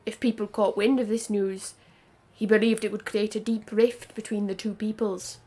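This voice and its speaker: A woman's voice: medium pitch, fairly even intonation, moderate pace, warm tone, husky. A woman streaming a game, reading its story dialogue aloud earnestly, with joking asides.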